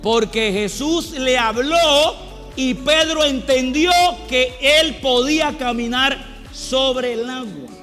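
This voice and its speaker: A man with a high voice delivers a sermon at an unhurried, deliberate pace. He keeps repeating key phrases and turning them into questions for his listeners. His voice rings out through a reverberant church hall over soft background music. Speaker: preacher.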